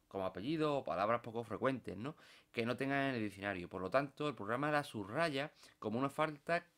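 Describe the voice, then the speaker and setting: Patient man teaching software. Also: medium pitch. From Spain. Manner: patient, explanatory, tags phrases with "¿vale?". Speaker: computer course instructor. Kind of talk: screen-recorded software tutorial.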